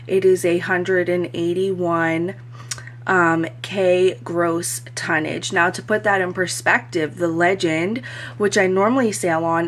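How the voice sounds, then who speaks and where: An adult woman casually reviews a cruise in her vlog, chatting with frequent "um" fillers. Her lowish voice is slightly hoarse from crying the day before, and the recording has a little hiss or hum.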